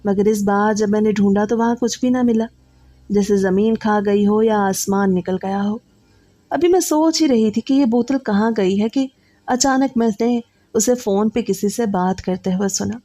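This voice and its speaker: A woman tells a first-person story in a steady, earnest way. Her voice is warm and mellow, with a medium pitch for a woman.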